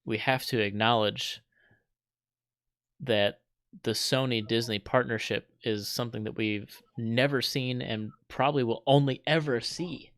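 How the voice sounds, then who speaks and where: A man's voice: mid-range voice, fairly bright tone, smooth, no echo, clean studio sound. A man co-hosting a casual podcast debate, earnest and emphatic, repeating his points. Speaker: podcast co-host.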